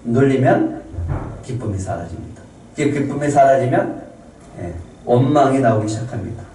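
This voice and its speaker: A man's voice: mid-range voice, expressive, moderate pace, dark tone, slight background noise. A male pastor giving a Sunday sermon, reading scripture aloud and putting questions to the congregation. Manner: asks the congregation questions and answers them. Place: church sanctuary. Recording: echoey church hall, mic from a distance.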